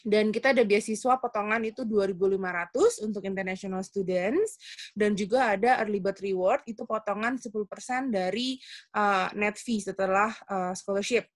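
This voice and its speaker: A woman's voice: mid-range voice, normal speed, no room sound. A woman who moderates the webinar, reading out questions and explaining fees step by step. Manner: matter-of-fact, explains step by step. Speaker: webinar moderator and recruitment staff.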